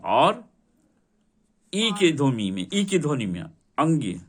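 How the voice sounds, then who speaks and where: A man's voice: fairly high pitch, sing-song, takes it slowly. A man teaching English vocabulary to a class, drilling word meanings and asking students to repeat them.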